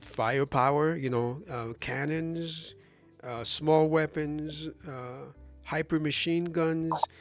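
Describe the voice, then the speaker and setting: This male livestream host talks slowly in a fairly high, steady voice while faint music plays behind him. Casual yet emphatic, he keeps restarting his phrases and asking his listener rhetorical questions.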